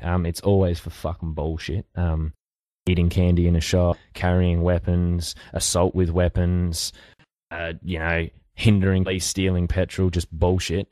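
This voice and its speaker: A young Australian man tells a crude story in a laid-back, rambling way, swearing constantly. His voice sits very low and barely moves in pitch. The recording is dry and close. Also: a little mellow, dry recording. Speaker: interview guest. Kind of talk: casual storytelling.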